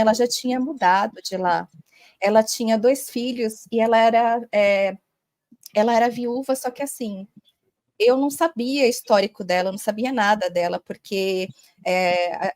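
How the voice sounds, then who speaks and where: A talkative woman recounts a personal experience as a guest on a podcast. Her voice sits a little high and sounds close and dry, with little room around it. She keeps the story rolling with fillers and little check-in questions. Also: a little mellow, dry recording. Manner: chatty, full of fillers and tag questions. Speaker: guest, holistic therapist.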